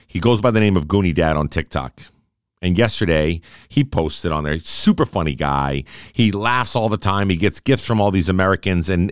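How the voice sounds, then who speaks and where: A man in his late forties speaks with a very low, deep voice into a close, dry microphone. He hosts a solo podcast in an earnest, conversational way, repeating phrases and checking in with his listeners. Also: dry recording. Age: 40s. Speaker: podcast host.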